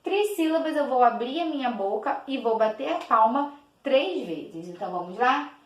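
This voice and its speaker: A woman teacher gives a patient children's lesson, clapping out each syllable slowly and repeating words. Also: high-pitched, lively intonation. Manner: slow, clapping out each syllable, many diminutives. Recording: echoey room.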